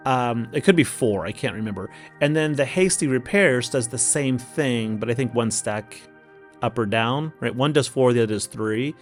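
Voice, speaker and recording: Medium-pitched and speaking at a normal speed, this man from Oklahoma hosts a gaming video with casual strategy commentary. He talks to himself in a folksy way, his Oklahoma accent clear, with music playing in the background.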